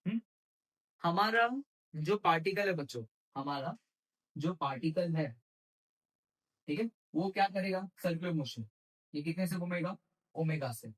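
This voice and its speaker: A man's voice: on the high side, lively intonation, unhurried, pauses often, fairly bright tone, low-quality recording. Male teacher quizzing his class. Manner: poses questions to students and answers them himself; mixes Hindi with English terms. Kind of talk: exam-prep physics lecture.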